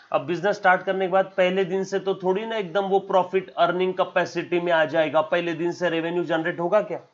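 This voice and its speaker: A man's voice: high voice, dull audio. A man with an Indian accent teaching accounts in a classroom-style lecture, repeating key terms and often asking "yes or no?". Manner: calls students "beta", acts out their questions.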